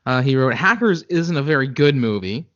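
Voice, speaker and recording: A man's voice: mid-range voice, animated, normal speed, a bit bright, dull audio. A man co-hosting a casual movie podcast, who often stumbles and repeats words as he starts a thought. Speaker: podcast co-host. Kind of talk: casual movie-review chat.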